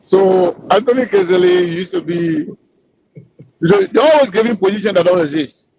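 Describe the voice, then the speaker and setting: A man's voice: high-pitched, very animated, moderate pace, vocal fry, darkish tone, lo-fi sound, a little hiss or hum. A man on a conference call line that breaks up, talking insistently and repeating himself as a panelist in a casual call-in chat. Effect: heard over a conference call line that breaks up. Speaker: panelist on a call-in talk show.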